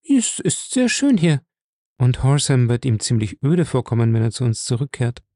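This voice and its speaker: Guy doing a worn-out pleading sister, apathetic, dark dry voice. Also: medium pitch, big pitch swings, moderate pace, no echo, close to an everyday voice. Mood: weary. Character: young woman Ella, weary and pleading sister.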